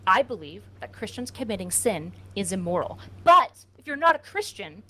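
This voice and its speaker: A woman's voice: mid-range voice, sing-song, moderate pace, sharp tone. Woman debating, sarcastic and combative, keeps talking over people. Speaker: debate panelist. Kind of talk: heated live debate.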